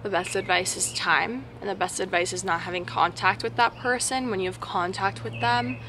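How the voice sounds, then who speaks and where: A woman's voice: mid-range voice, steady tone, moderate pace, noisy background. A young adult woman chatting casually and frankly in a slangy way, answering questions as a vlogger outdoors in a backyard.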